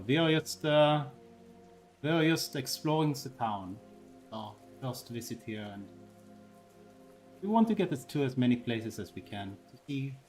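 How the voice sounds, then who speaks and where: Male role-play gamer, average pitch, hesitant improvised delivery, faint music bed. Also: a little mellow. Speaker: tabletop game player.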